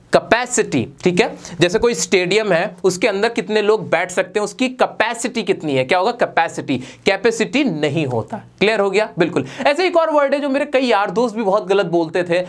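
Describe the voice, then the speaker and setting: A man teaching English pronunciation to viewers, over-articulating each word and repeating it, quizzing his listeners. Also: high voice. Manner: over-articulates words with a wide-open mouth. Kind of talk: spoken lesson to viewers.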